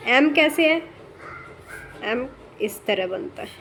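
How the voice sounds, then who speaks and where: Softly explaining woman shorthand teacher. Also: sits high, expressive, background noise. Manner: explains slowly with many fillers and "theek hai" checks. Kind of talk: casual spoken lesson.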